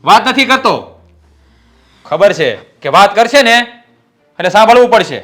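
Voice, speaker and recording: An actor playing a bossy, hot-tempered older brother in a family drama, scolding in a Gujarati accent with quick sharp retorts. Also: male voice, high-pitched, very animated, heavily acted. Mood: angry. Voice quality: scolding, shouty, rapid retorts. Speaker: stern elder brother in the family. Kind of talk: scripted family drama acting.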